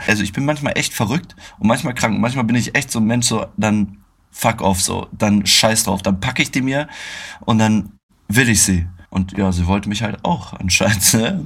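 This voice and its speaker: Husky young guy on a chatty podcast, slangy and hyped, lowish voice. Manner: slangy, excitable storytelling with bursts of laughter. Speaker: podcast co-host. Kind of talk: casual chat.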